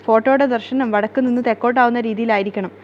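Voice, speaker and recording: A woman voicing a dramatic middle-aged mother who wails and scolds loudly. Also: fairly high pitch, steady tone, very fast, highs cut off, natural voice. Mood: scolding. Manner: loud, lamenting.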